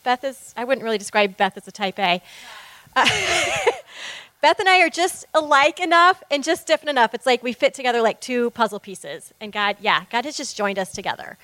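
A woman with a slightly high voice tells a church gathering the story behind her ministry, candid and heartfelt, laughing lightly now and then. The sound is dry and close, with little room echo. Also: expressive, normal speed, sharp tone. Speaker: ministry co-founder speaking to a church group. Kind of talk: heartfelt testimony talk.

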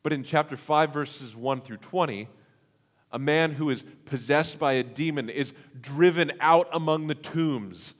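A man preaching a sermon, with dramatic swings between hushed, slow passages and loud, emphatic ones. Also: fairly high pitch. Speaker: pastor. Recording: long hall reverb.

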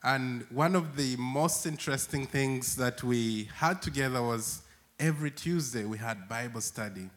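This man from Uganda is a church worker appearing as a guest, and he laughs often while telling stories. His voice is mid-range and his pace moderate, carrying a warm storytelling conversation.

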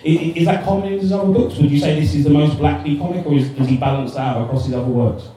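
A man's voice: a little high, quick pace, warm tone. A man on a book club panel, talking thoughtfully and casually, sometimes acting out passages in other voices. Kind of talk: casual discussion. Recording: echoey room, mic far off, faint noise.

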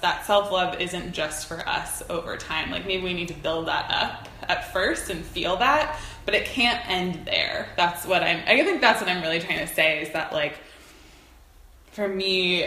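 A woman with a lowish, sharp-toned voice speaks as an interview guest, a folk practitioner thinking aloud in earnest, informal and reflective conversation. The recording has a roomy echo and faint background noise.

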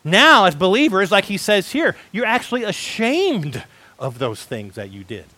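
A man delivers a sermon in a high, animated voice that rises and drops sharply. His delivery is conversational yet emphatic, peppered with asides to the listeners. The sound is dry and close, with little room. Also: moderate pace, no room sound. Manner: conversational, emphatic, frequent "right?" and "folks". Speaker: pastor.

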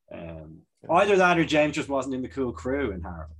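A sick man with a hoarse voice, co-hosting a podcast in casual comedic banter and laughing often. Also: mid-range voice. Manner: laughs often, jokey rambling. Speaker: podcast co-host.

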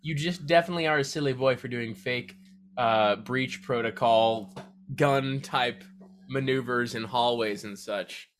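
A man's voice: mid-range voice, a little slow, a bit bright, slight background noise. A young man co-hosting a podcast in a laid-back, casual way, reacting to stories and teasing his friend. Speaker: podcast co-host. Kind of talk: casual chat.

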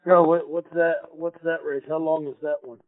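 Guy hosting a podcast, loud and chatty, lots of ums, sounds like a worn tape copy, tinny and dry. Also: on the high side, little pitch movement, normal speed, no room sound. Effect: worn, muffled lo-fi recording from a faulty device. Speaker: podcast host. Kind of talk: casual interview chat. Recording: dry, tinny phone-like recording.

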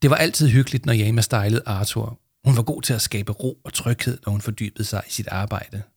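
A man narrating a children's storybook aloud in a calm storytelling manner. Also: lowish voice, breathy edge, dry recording, studio quality. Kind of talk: storybook reading.

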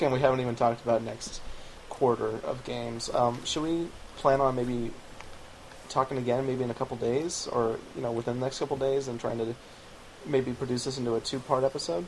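A man's voice: mid-range voice, steady tone, normal speed, a little hiss or hum, poor audio. Laid-back man hosting a gaming podcast. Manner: laid-back, joking, trails off with ums. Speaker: podcast host. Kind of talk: casual chat.

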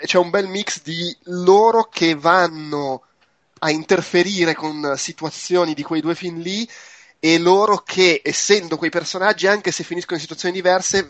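A man talking casually about films as a podcast panelist, in an emphatic, animated, colloquial and blunt way. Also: fairly high pitch, dry recording. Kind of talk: casual film discussion.

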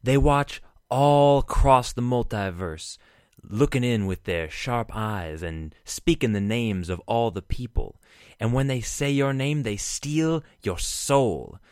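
A man playing a solemn lore keeper, telling a mock-spooky campfire legend in a slow, dramatic, ominous way. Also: medium pitch, expressive, clean tone, no room sound, clean studio sound. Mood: ominous, mysterious.

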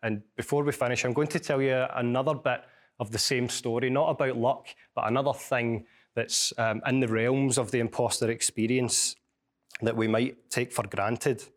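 Speaking in a mid-range, fairly even voice, this man from Scotland has a strong Glasgow accent. He is a lecturer and author leading a university seminar, where he tells stories and reads from his own book in a measured way, restarting now and then.

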